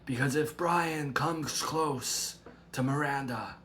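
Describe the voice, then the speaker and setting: A man voicing a stern older grandmother who speaks in a measured, grave and threatening way, in an amateur drama. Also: medium pitch, fairly bright tone, slight background noise. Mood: menacing. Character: stern protective grandmother, older woman, menacing resolve.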